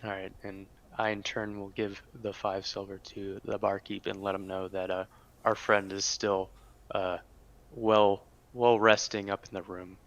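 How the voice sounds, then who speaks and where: A man's voice: lowish voice, flat delivery, unhurried, a bit bright. A man playing a tabletop game, easygoing and chuckling, with stumbling starts. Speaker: player.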